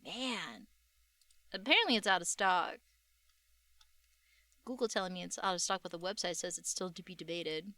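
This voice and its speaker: A woman chatting casually on a livestream in a cute, gushing anime-streamer way, with slangy, expressive exclamations. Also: lowish voice, normal speed, long pauses, no echo. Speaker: VTuber artist and livestreamer.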